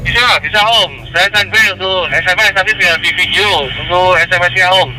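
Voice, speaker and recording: A man answering over a handheld two-way radio, reading call signs in brisk radio procedure and ending his turns with "over". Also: high-pitched, pushed and bright, faint music behind, low-quality recording. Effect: heard over a handheld two-way radio. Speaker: amateur radio operator on the other end.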